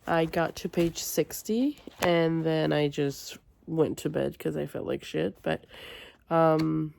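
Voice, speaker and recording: A woman's voice: low-pitched, fairly even intonation, slow pace, gravelly, darkish tone, slight background noise. A woman chatting casually in a vlog, sounding weary, groggy and stuffed up with a cold. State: sick with a cold and stuffy nose. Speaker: book vlogger.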